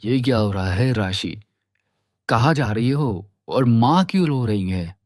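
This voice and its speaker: A man's voice: medium pitch, lively intonation, a little slow, a little mellow, dry recording, studio quality, close to an everyday voice. A man voicing a dismissive, impatient young husband in a cartoon. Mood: puzzled. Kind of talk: cartoon voice acting.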